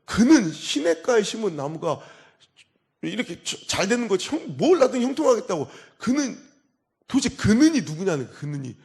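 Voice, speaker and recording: Animated man preaching a revival sermon. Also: sits high, normal speed. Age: 40s. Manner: storytelling with sudden loud outbursts and quiet asides. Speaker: pastor.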